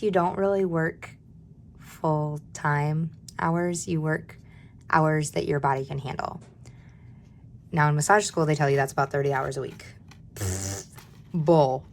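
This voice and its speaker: A woman in her thirties with a hoarse voice from a cold, chatting candidly while she budgets and sometimes dropping to a near-whisper. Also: low-pitched, slight background noise. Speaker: budgeting vlogger. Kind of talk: casual chat while stuffing cash envelopes.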